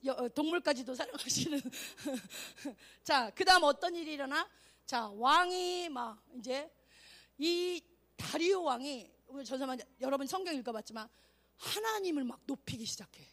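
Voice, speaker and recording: A woman evangelist preaching at a youth camp, animated and exclamatory, calling out for responses and acting out quotes. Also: high voice, normal speed. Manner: acts out quotes in voices.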